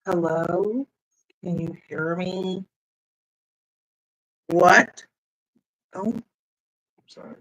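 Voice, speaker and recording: Unhurried, chatty streamer at a computer, muttering through audio settings and talking straight to viewers; middle pitch. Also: a bit bright, poor audio. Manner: thinks aloud while fixing audio settings. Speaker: livestreamer. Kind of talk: casual live stream chat. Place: at a computer, indoors. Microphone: computer microphone, wearing headphones.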